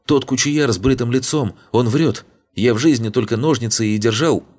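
Мужчина-чтец озвучивает слепого взрослого мужчину, который притворно, со слезами и всхлипами, умоляет о пощаде. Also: male voice, mid-range voice, moderate pace, darkish tone, voice pushed up, lightly acted. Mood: pleading, sobbing. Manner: whimpering, pleading. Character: blind adult man faking tearful, cowardly begging. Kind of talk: audiobook character voice.

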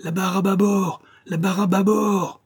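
A man's voice: medium pitch, moderate pace, dark tone, slightly rough, voice pushed up, lightly acted. A man voicing an impetuous young naval lieutenant in a raised, urgent voice for a storybook reading. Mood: shouting.

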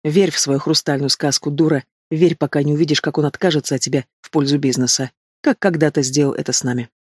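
Холодный, презрительный молодой бандит, которого озвучивает мужчина, аудиокнига. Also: male voice, on the high side, steady tone, fast, slightly rough, no room sound, studio quality. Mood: cold scorn. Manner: cold, contemptuous. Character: bitter young male henchman, cold and scornful.

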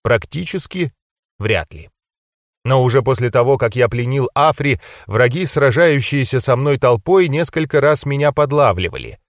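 A man narrating a first-person fantasy audiobook in a calm, measured way. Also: mid-range voice, no room sound, studio quality.

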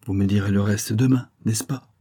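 A man reading aloud voicing a reserved, troubled woman who speaks in a quiet, restrained way. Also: on the low side, steady tone, normal speed, slightly rough. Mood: composed.

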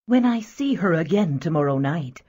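A woman voicing an earnest, lovestruck young prince in a children's storybook reading, lowering her voice for him, on a slightly dull recording. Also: lively intonation, moderate pace, mellow, breathy edge. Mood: determined.

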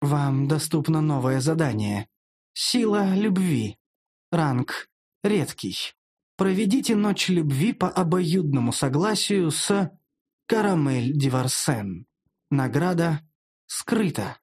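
A narrator voicing an impersonal magic game system that announces quests slowly and evenly. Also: mid-range voice, big pitch swings, a little mellow, husky, heavily acted. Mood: flat. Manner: slow, measured announcing. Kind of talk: audiobook character voice.

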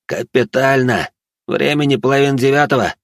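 A man reading an audiobook, voicing a brash young man who talks loud and blustering. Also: mid-range voice, brisk, no room sound, studio quality, pitched above the performer's own voice, natural voice. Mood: bossy. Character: brash young man, rowdy drinking buddy.

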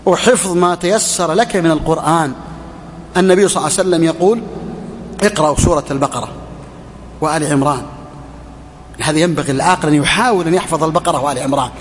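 A man's voice: high voice, long reverb tail, slight background noise. A middle-aged man giving a religious lesson, exhorting with rhetorical questions and repeated phrases. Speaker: sheikh teaching hadith.

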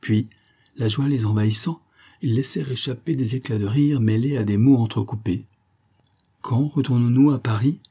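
A man reading a classic novel aloud as an audiobook narrator, in a measured, literary way. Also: medium pitch, dark tone, husky.

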